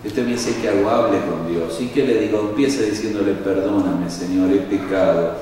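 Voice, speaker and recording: A man's voice: fairly low pitch, moderate pace, warm tone, slight background noise. A man preaching a sermon, speaking emphatically and building to fervent appeals. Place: church sanctuary. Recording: echoey hall, mic at a distance.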